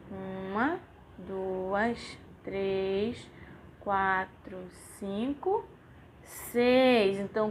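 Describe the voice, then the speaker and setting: A woman teaching young children in a recorded lesson, with a patient sing-song way of breaking words into syllables. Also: medium pitch. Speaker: primary school teacher.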